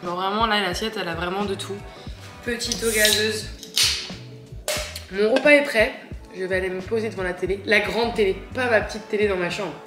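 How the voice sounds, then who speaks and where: A woman's voice: medium pitch, fairly quick, long pauses. A young woman in her twenties from France with a French accent, chatting casually to the camera in a vlog, mixing English words into her talk. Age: 20s. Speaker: vlogger. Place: home interior, kitchen. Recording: roomy home with background music.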